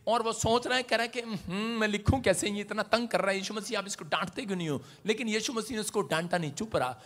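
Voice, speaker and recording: A middle-aged man preaching a sermon, telling stories in turns hushed and loudly shouted. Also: high-pitched, quick pace, long reverb tail. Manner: animated, swings from hushed storytelling to loud shouted exclamations. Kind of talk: Hindi sermon with storytelling.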